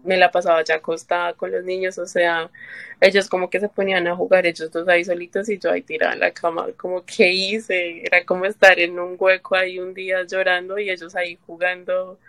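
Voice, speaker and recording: A woman from Colombia gives a long personal testimony in an interview, halting and repeating herself as she quotes what people said to her. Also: on the low side, level tone, vocal fry, a bit bright, no echo. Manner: halting, with fillers and restarts, quotes herself and others. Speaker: interview guest.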